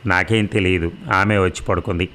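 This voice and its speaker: A man's voice: sits low, fairly even intonation, a little fast, sharp tone. A man voicing a frightened young man who answers in a nervous, apologetic way in an audio story. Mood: nervous evasive.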